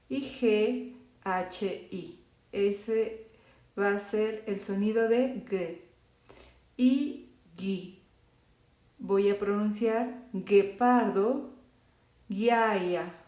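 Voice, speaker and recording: Female language teacher, dark and mellow tone, unhurried delivery, echoey room. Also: medium pitch. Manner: slow, careful, repeats example words. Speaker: Italian teacher. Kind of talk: phonetics lesson for Spanish speakers.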